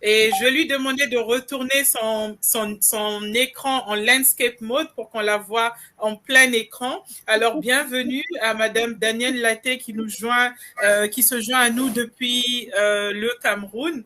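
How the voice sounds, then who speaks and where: A woman moderating a live event, chatty and quick to agree with her co-host. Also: fairly high pitch, steady tone, sharp tone. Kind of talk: casual presenting to an audience.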